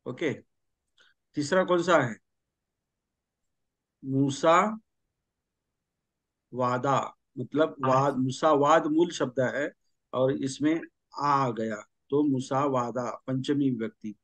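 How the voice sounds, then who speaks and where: Slow-talking male language teacher. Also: mid-range voice, a bit bright, dry recording. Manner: slow, repetitive explaining with frequent fillers. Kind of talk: explaining grammar in a class.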